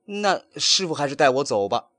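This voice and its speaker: A man voicing a brash, cocky male monkey king who pleads and boasts in high, strained cries. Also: big pitch swings, normal speed, a bit bright, no echo. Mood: boastful.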